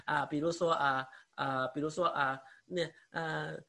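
A woman in her thirties telling a church story, excitable, with many hesitations, often imitating how other people talk. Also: low voice, unhurried, vocal fry. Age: 30s.

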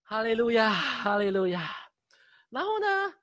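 A high-voiced woman preaching and telling her own testimony, animated and dramatic, breaking into laughter and mock wails. Her voice sits close and dry, with no room sound. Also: measured pace, no echo. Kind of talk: sermon testimony.

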